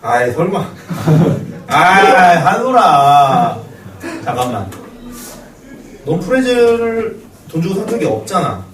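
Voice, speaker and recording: A man's voice: high-pitched, very animated, slow, long pauses, a bit bright. A man teaching math to a class, joking and telling stories between points. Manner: joking banter with students, storytelling. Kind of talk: classroom lecture. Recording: roomy classroom echo, distant mic.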